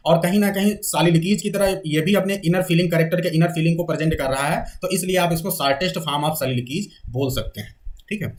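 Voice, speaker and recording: A male literature teacher with a high-pitched voice lectures his class. He keeps checking that the students are following and dictates definitions slowly so they can write them down.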